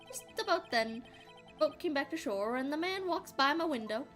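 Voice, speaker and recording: A woman's voice: high voice, animated, normal speed, fairly bright tone, faint music behind. A woman voicing an elderly male boat-rental witness with a put-on Southern accent and a folksy drawl.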